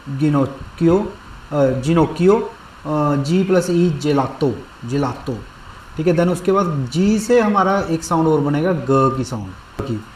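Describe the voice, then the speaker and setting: A man teaching a class, speaking slowly, repeating each word and checking that students follow. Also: fairly high pitch, darkish tone. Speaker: language teacher. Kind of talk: classroom lesson. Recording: roomy, distant mic, faint background noise.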